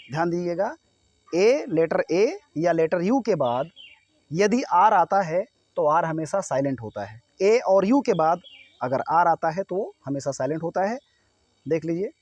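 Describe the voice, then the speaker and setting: A man with an Indian accent teaching a pronunciation lesson in a video, saying words slowly again and again and often checking in with his students. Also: sits high, very animated, a little mellow, dry recording, highs cut off. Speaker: English teacher.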